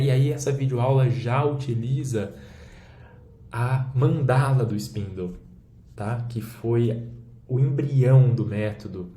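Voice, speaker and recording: Teaching a language lesson, a man with a Brazilian Portuguese accent demonstrates an app via screen share in a casual, explanatory style with frequent check-ins. His voice is medium in pitch and mellow. The audio carries a roomy echo and faint background noise.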